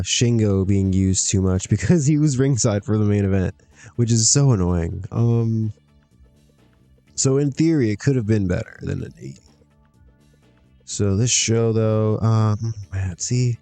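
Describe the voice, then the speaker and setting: A man gives relaxed, rambling commentary while he plays a wrestling booking game, breaking into laughs as he goes. His voice is mellow and warm, recorded dry and close with faint music underneath. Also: lowish voice, dry recording. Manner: chatty, laughs often, talks to himself. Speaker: streamer playing a wrestling management game. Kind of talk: casual gameplay commentary.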